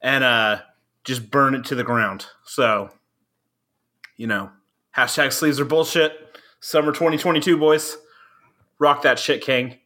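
A man's voice: medium pitch, unhurried, long pauses, bright, forceful tone. A man bantering casually with friends as a podcast co-host, in crude, profane frat-bro talk.

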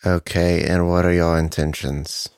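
A man's voice: low-pitched, flat delivery, a little slow, a little mellow, no echo, clean studio sound. A man playing a tabletop role-playing game, improvising casually and thinking aloud in a hesitant, deliberating way.

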